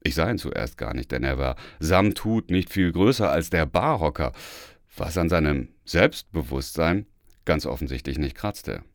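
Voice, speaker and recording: A man reading a first-person memoir as an audiobook, telling it in a lively storytelling manner. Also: rumbling low, moderate pace, no room sound, studio quality. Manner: lively, storytelling with acted dialogue. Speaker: audiobook reader.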